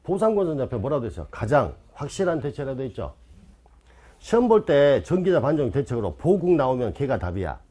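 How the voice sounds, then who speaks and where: A man's voice: medium pitch, sing-song, fast talker, warm tone. A man giving an online exam-prep lecture, quizzing his students with constant rhetorical questions and insistently repeating key terms.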